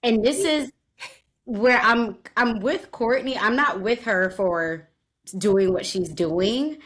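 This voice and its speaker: A woman's voice: a little high, takes it slowly, fairly bright tone. A woman co-hosting a podcast, chatting casually with wry asides and easy laughs. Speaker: podcast co-host. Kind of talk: casual chat recapping a reality show.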